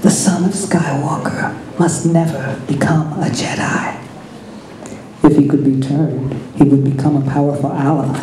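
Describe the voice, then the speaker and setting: A storyteller voicing a sinister old male emperor in a low, whispery, menacing tone, in a roomy-sounding space. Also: level tone, unhurried, noisy background, lightly acted.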